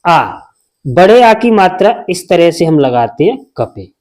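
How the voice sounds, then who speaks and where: His voice sits high and a little mellow, moving in a sing-song way as he takes things slowly. The man is running a slow Hindi spelling lesson, elongating and repeating syllables while answering his own questions.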